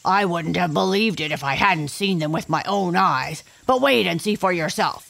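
A woman voicing gossiping male wild boars in a storybook, indignant and fast-talking. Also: fairly low pitch, gravelly, a bit bright, dry recording.

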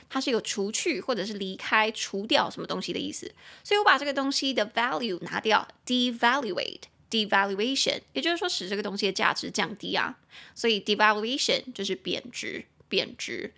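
A young adult woman hosting an English lesson podcast in Mandarin. She spells words out slowly and chats with playful asides. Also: vocal fry, bright, forceful tone. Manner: chatty, with playful high-pitched asides. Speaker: English teacher and podcast host. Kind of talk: bilingual vocabulary lesson podcast.

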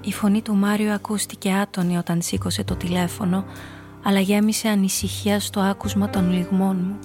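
Over music, an actress with a mid-range, natural voice and little pitch movement plays a frightened woman who blackmails someone, confiding her story in the first person for a scripted radio play. She sounds shaken and somber, intimate and confessional.

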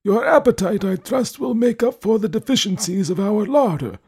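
A man's voice: sits high, animated, moderate pace, vocal fry, darkish tone, husky, voice pushed up, exaggerated voice. A man putting on a haughty, stern old recluse. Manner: haughty, clipped demands.

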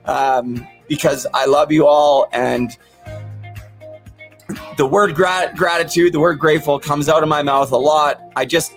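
A man with the toothless speech of someone missing his teeth, hosting a podcast and talking casually, earnestly and plainly to his viewers. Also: on the high side. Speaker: podcast host. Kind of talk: casual, sincere talk to viewers.

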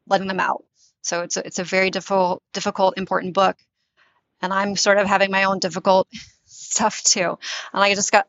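Low gravelly-voiced woman translator. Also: a bit bright, no echo. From born in Tunisia, raised in the US. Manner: thoughtful, searching for words, frequent restarts. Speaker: literary translator, guest. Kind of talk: reflective interview talk. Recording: dull lo-fi dry recording.

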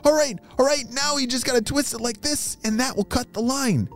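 A woman's voice: sits high, brisk, faint music behind, voice pushed up, close to an everyday voice. A woman voicing a young fish friend in a children's story, coaxing and childlike. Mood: eager, coaxing.

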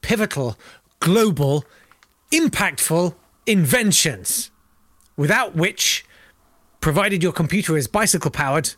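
A man's voice: on the high side, expressive, a little slow, fairly bright tone, no room sound. A man co-hosting a podcast, telling a history story in a wry, rambling way full of uhs. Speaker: podcast co-host.

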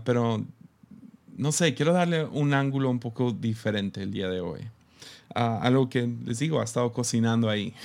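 Laughing, chatty Mexican man. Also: mid-range voice. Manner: chatty, laughs often, many fillers and restarts. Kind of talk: casual reflective talk.

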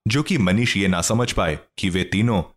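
A man narrating a children's story in an expressive, scripted reading. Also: deep voice, normal speed.

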